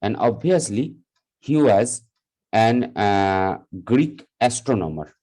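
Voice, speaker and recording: A man teaching a live class, explaining slowly and deliberately, often repeating himself. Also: on the low side, animated, mellow, poor audio. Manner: slow, deliberate explaining with repetition. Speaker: lecturer.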